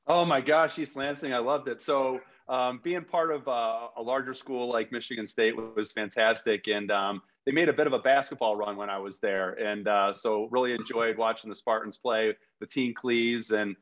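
A man's voice: mid-range voice, fairly even intonation, moderate pace, few pauses, a bit bright, dull audio. A man from Rochester, New York, chatting as an interview guest in a friendly, rambling way with lots of fillers. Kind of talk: casual interview chat.

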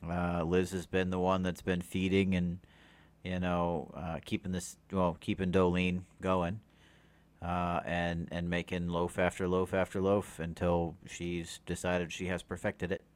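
Deep-voiced easygoing man chatting. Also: monotone, clear, resonant tone. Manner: easygoing, halting with repeated restarts. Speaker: podcast co-host. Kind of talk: casual chat.

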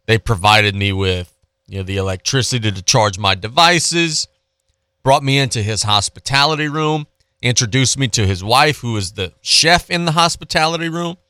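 A man's voice: mid-range voice, normal speed, sharp tone, smooth, no room sound, studio quality. A man with a Louisiana accent hosting a local sports radio show, telling a story in an earnest, casual way.

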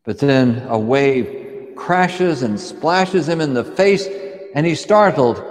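A man's voice: medium pitch, expressive, slow pace, in a large hall. A man preaching, retelling a scripture story vividly in the second person and drawing the listener into the scene. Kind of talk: dramatic sermon storytelling.

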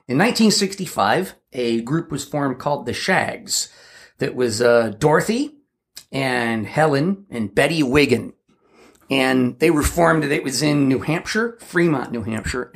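A man's voice: medium pitch, vocal fry. A man co-hosting a podcast, telling a story in a loose, rambling way with frequent laughs. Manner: rambling, laughs often, swears casually. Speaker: podcast co-host. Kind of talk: casual storytelling chat.

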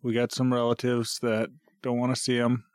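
A man's voice: medium pitch, monotone, normal speed, no echo, studio quality. A man in his thirties co-hosting a podcast, chatting casually in a rambling, jokey way that often interrupts itself. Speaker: podcast co-host. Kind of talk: casual chat. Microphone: podcast recorder.

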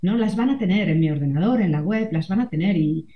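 A woman's voice: fairly low pitch, expressive, fairly quick. A middle-aged woman, a columnist and mother, talking reflectively in an interview and often adding tag questions. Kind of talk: conversational interview. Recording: roomy, slightly dull sound.

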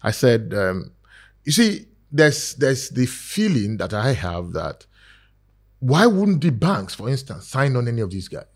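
Husky Nigerian man making his case. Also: mid-range voice, big pitch swings, measured pace. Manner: earnest and persuasive, with many fillers and restarts. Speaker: guest advocating for skit makers. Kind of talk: casual talk-show discussion.

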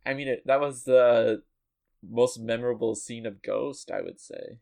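Brief: male co-host, gravelly voice with some fry, relaxed chatty delivery. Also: medium pitch, measured pace. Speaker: podcast co-host. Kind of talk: casual podcast chat.

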